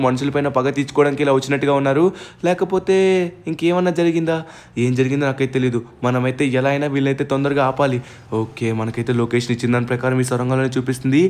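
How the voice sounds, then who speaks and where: A man narrating his own game story with excitement, loudly exclaiming and hurling dramatic threats at his foes. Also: medium pitch. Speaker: gaming channel narrator and player.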